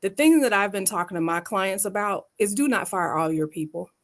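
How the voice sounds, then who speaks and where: Southern woman on a panel, emphatic and folksy, medium pitch. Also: expressive, fairly quick. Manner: emphatic, folksy, uses rhetorical "right?". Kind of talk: panel discussion.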